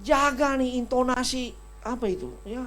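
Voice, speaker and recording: A male pastor, preaching a lively, joking sermon at a church service and calling for amens. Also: extremely high pitch, moderate pace. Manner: animated, joking, calls for amens.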